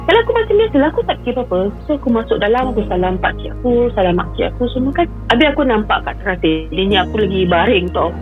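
Over poor audio with faint music behind her, a female caller tells a personal story on a call-in show. Her pitch is fairly high and swings widely, and she speaks fast with few pauses, slipping in English phrases and frequently repeating herself.

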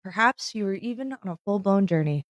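Woman podcast host, smiley earnest spiritual talk, mid pitch, dead dry room. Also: animated, fairly quick, no echo. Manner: upbeat, earnest, smiling delivery.

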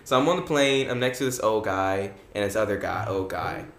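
A young man hosting a podcast, telling a story in a casual, animated way, laughing often and swearing freely. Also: lowish voice, a little fast. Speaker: podcast host. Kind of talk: casual chat. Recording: echoey room.

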